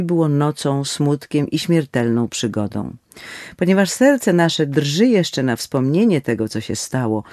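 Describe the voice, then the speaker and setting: A man reading a story aloud in a solemn, expressive literary style. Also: a little high, no echo, studio quality. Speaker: audiobook narrator. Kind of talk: scripted storybook narration.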